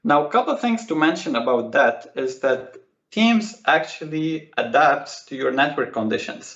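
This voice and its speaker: A man's voice: fairly high pitch, expressive, moderate pace, fairly bright tone. Enthusiastic man explaining over a roomy call. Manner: enthusiastic, repeats words, says "amazing" often. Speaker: Microsoft Teams expert guest. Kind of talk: casual technical walkthrough on a video call. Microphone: video call. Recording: roomy, dull lo-fi call audio.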